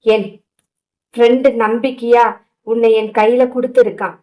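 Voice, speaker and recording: A woman reading an audio novel, voicing a brusque but caring young husband in a gruff, scolding manner. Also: fairly high pitch, fairly even intonation, moderate pace, lo-fi sound, lightly acted. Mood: anguished.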